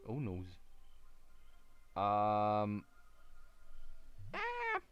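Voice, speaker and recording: A man doing live game commentary, muttering in confusion, reading in-game hints aloud and breaking into sudden excited outbursts. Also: fairly low pitch, extremely slow, lo-fi sound, slight background noise. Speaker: let's play gamer.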